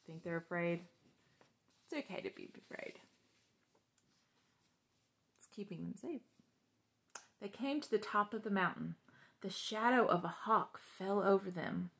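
Seated on a couch in a small living room, a young adult woman reads a children's story and offers simple explanatory asides to young listeners. Her medium-pitched voice is unhurried and a bit bright, with vocal fry and frequent pauses.

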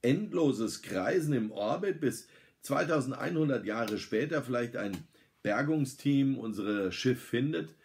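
A middle-aged man reading a story aloud, lively and dramatic, lifting his voice for the characters' lines. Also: mid-range voice, a little slow.

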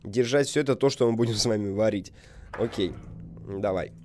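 A man's voice: on the low side, fairly quick, darkish tone, a little hiss or hum. A young man giving casual, rambling, jokey video game commentary, reacting aloud and reading on-screen text. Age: young adult. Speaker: video game let's player.

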